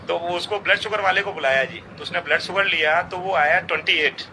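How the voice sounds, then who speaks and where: A man's voice: high-pitched, a little fast, bright, forceful tone, rough recording. A middle-aged man earnestly recounting a devotional experience, quoting others in dialogue. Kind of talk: storytelling testimony. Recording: outdoor traffic noise behind.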